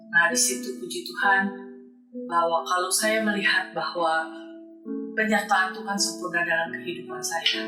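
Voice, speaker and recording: An older woman giving an earnest personal testimony at a church service, telling her story and acting out her own prayers and dialogue. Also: lowish voice. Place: church hall. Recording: echoey, distant mic, faint music behind.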